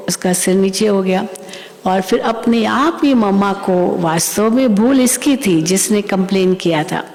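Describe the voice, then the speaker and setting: A woman's voice: medium pitch, gravelly, a little mellow. A woman spiritual teacher giving a sermon class, telling stories and acting out the voices she quotes, often asking her listeners questions. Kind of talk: murli class sermon with anecdotes. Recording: long hall reverb.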